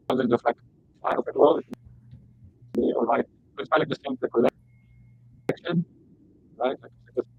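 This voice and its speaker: A man on a video call whose audio keeps breaking up and dropping out, speaking haltingly with lots of "like". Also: medium pitch, creaky, husky, poor audio. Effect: choppy internet call dropping out. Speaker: developer asking for help. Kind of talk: video call troubleshooting chat.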